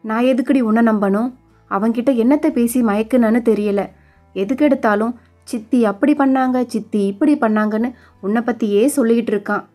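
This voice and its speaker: A woman voicing a jealous, angry wife in a storybook reading, speaking sharply and quickly. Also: fairly high pitch, warm tone, faint music behind, close to an everyday voice. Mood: angry scolding.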